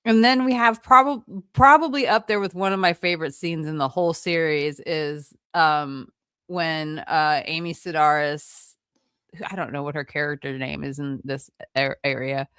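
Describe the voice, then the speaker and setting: A woman's voice: sits low, fairly bright tone, clean tone, no room sound, studio quality. A woman in casual podcast chat, enthusiastic and chatty about a show she loves. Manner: enthusiastic, chatty, quick agreeing replies. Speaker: podcast co-host.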